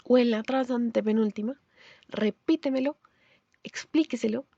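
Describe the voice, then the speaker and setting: Dark-voiced woman teaching pronunciation. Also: on the high side, dry recording, lo-fi sound. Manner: explains clearly, then pronounces example words slowly. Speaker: language teacher. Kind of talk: scripted phonetics lesson.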